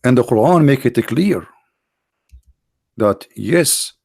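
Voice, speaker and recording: Gravelly, tired-voiced man lecturing. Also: mid-range voice, expressive, darkish tone, dry recording, studio quality. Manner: emphatic, rhetorical questions, halting restarts. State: tired, strained voice. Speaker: religious apologist. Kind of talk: lecture on scripture.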